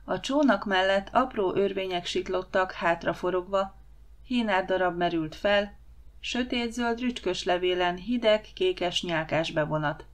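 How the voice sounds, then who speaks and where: Woman, middle-aged, children's audiobook narration, fairly low pitch, lively dialogue. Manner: reads dialogue with lively character voices. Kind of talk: scripted narration of a children's novel.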